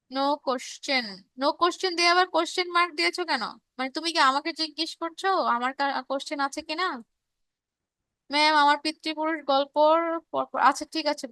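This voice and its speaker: A woman with a high, bright voice and a Bangladeshi Bengali accent teaches a live online revision class. She explains step by step, pausing on fillers and restarts, and reads students' chat messages aloud. The recording is close and dry, with no room sound. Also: no echo.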